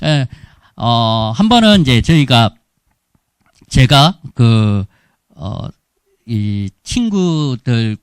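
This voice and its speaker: A man's voice: medium pitch, extremely slow, long pauses, clear, resonant tone, dry recording. A middle-aged man with a Gyeongsang Korean accent, giving a humorous missionary testimony in a church. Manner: lively storytelling with humor. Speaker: missionary speaker. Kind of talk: testimony sermon.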